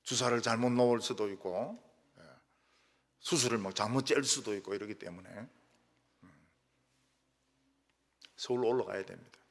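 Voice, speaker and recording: An older man preaching a sermon as pastor, telling stories with lively asides and mimicking how people quarrel in regional dialects. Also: on the low side, moderate pace, vocal fry, pauses often. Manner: animated storytelling, acts out quarrels in regional dialects. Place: church sanctuary. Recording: reverberant church hall.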